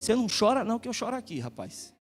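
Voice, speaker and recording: A middle-aged man with a Brazilian Portuguese accent preaching in a church, joking and chatty, with lively quoted asides. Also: high voice, racing, breathy edge. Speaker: guest pastor. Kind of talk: sermon. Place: church sanctuary.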